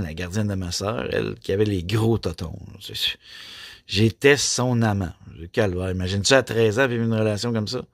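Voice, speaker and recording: A man in his forties with a Québécois accent, rambling through a personal vlog in a flat, robot-like delivery, full of filler tags. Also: fairly low pitch, gravelly, dry recording, studio quality. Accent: Québécois French. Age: 40s. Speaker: YouTuber.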